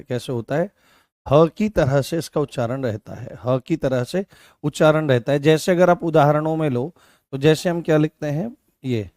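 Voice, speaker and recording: A man's voice: on the high side, darkish tone, no room sound, clean studio sound. A man teaching a live online class, repeating key points and asking his students questions.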